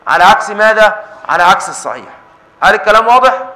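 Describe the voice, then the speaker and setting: A man's voice: high voice, expressive, quick pace, sharp tone, rough recording. A man with an Egyptian Arabic accent teaching Islamic jurisprudence, explaining a text and constantly quizzing his students for the answers. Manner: constant call-and-response questioning of students. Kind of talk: classroom lesson explaining a text.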